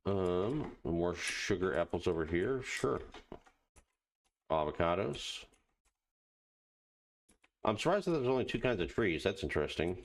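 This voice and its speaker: A man giving casual let's play commentary, muttering halting asides to himself and reading on-screen text aloud. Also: low-pitched, very animated. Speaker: gaming video host.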